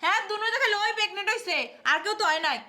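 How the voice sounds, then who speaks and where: A shrill, relentless old village mother-in-law, as a woman puts her on in a comedy skit. She scolds in rapid-fire rhetorical questions, her voice very high, fast and sharp. Each jab ends with a nagging "haan?". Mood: scolding. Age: older.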